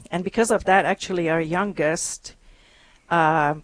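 Slow-spoken Hungarian-born woman guest. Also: on the low side. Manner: hesitant, many ums, earnest storytelling. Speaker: radio guest. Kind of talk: interview conversation.

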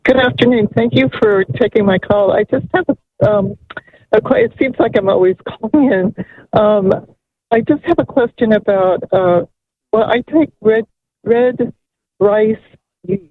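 A woman's voice: on the high side, unhurried, breathy edge, no room sound. A woman calling in to a radio show, asking a question politely and hesitantly over the phone. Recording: thin, narrow phone line.

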